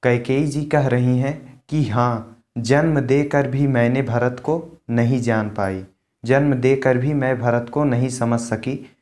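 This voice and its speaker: A man's voice: medium pitch, fairly even intonation, takes it slowly, darkish tone. A male teacher giving a lesson that reads a line of poetry and then explains it in simple words. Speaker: Hindi literature teacher.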